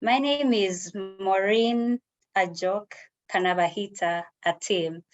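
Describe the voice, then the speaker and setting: A Ugandan woman delivers a prepared personal speech over a video call. She takes her time, speaking slowly and deliberately with pauses between phrases. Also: mid-range voice, highs cut off. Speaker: club member giving icebreaker speech.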